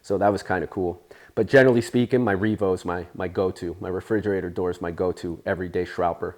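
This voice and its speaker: A man in his forties with a fairly low voice, raised in Spain, chats through his stories at an easy pace. He rambles a little and fills gaps with "uh" and "you know.". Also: fairly even intonation, quick pace, darkish tone. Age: 40s. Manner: easygoing, rambling, with many fillers. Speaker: interview guest, surfer. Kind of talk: casual storytelling interview.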